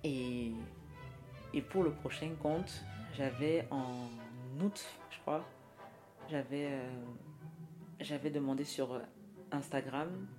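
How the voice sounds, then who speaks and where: A woman's voice: very deep voice, slow pace, pauses often. Self-mocking chatty woman, faint classical music. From France. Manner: self-mocking, chatty, frequent restarts and fillers. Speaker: podcast host. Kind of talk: solo rambling monologue. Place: at home at night. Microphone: portable audio recorder.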